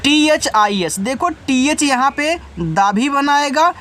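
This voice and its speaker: A man's voice: very high voice, expressive, slow, fairly bright tone, a little hiss or hum. Patient man spelling words for students. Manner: patient, spells words letter by letter then explains; addresses students directly, corrects own slips. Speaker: English teacher. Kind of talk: online spelling lesson.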